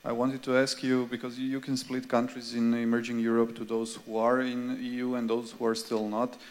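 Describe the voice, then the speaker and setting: A man asks a question from the audience in a flat, even voice. He chooses his words carefully and hesitates, repeating some of them as he goes. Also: mid-range voice, a little fast. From Croatia. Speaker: audience member asking a question. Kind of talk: conference Q&A question.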